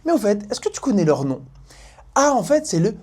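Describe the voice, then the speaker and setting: A woman's voice: medium pitch, big pitch swings, a little fast, a little mellow, husky. A woman with a Norman French accent teaching a math lesson, playful and speaking directly to the student.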